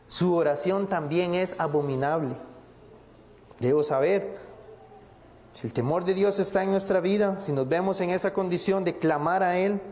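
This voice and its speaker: A male preacher delivers a sermon with a somewhat high yet warm, mellow voice. He speaks deliberately, poses rhetorical questions and slows down when reading scripture. His voice rings with the long reverb of a church hall.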